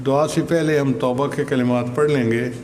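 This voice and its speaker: An older man giving a slow, measured sermon, telling stories and reciting Arabic verses. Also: mid-range voice, fairly even intonation, a little mellow. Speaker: religious scholar. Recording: echoey hall with faint noise.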